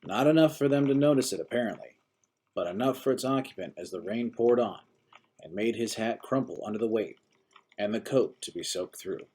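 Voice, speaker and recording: A man reads a story aloud in a low, mellow voice with a husky edge. His narration is steady and unhurried. He shifts into voices for the characters. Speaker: story reader.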